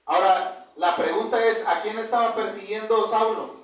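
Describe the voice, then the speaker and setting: A man with a high voice preaches a Bible lesson at normal speed, quizzing his listeners and letting them fill in the words. He calls them brothers and addresses some by name. The recording comes from a very echoey room, his voice sounding far off.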